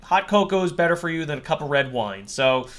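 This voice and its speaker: Higher-voiced man, rambling casual podcast host. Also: expressive, a little fast, fairly bright tone. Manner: rambling, wry, swears casually. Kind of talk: casual chat.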